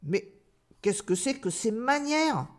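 A woman voicing a busy grown male squirrel in a storybook, talking briskly and scolding. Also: fairly high pitch, big pitch swings.

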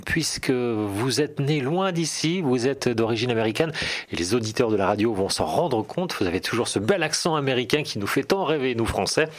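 A man hosting a radio arts program, asking courteous, friendly questions with some fillers. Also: medium pitch. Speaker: radio host. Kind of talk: radio interview.

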